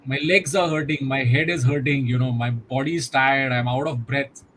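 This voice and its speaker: A middle-aged man, a guest in a conversational interview, speaking in a reflective, measured way with many "you know" fillers over a video call. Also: medium pitch, steady tone, a bit bright, slight background noise, poor audio.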